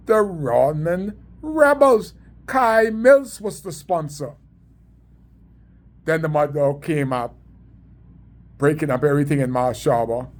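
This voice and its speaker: A middle-aged Bahamian man with a Bahamian accent, telling community stories in an emphatic, repetitive, preaching way. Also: sits high. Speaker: community sports organizer. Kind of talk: storytelling monologue.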